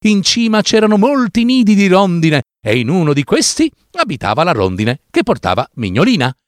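Male storybook narrator, expressive and lingering, dry studio sound. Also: high-pitched, normal speed, no echo. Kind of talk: storybook reading.

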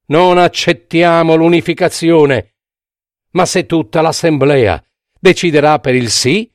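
Man voicing a doubtful lady mouse councillor, high and impassioned, slow lively delivery for a storybook. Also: dry recording, studio quality. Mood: firm. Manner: impassioned, pleading. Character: shrewd female mouse councillor, doubtful, insistent.

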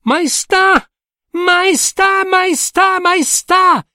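A man voicing a frantic old woman who is secretly a fairy, crying out in shrill pleading calls. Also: lively intonation, slow, a bit bright, dry recording, clean studio sound, exaggerated voice. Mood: frantic, urgent.

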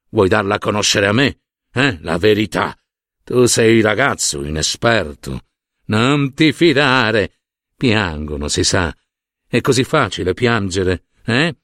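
A man's voice: lowish voice, dry recording, pitched below the performer's own voice. A man voicing a sanctimonious, greedy old monsignor who fusses, preaches and wheedles. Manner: fussy, wheedling, preachy, with soft asides. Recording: dry close studio sound.

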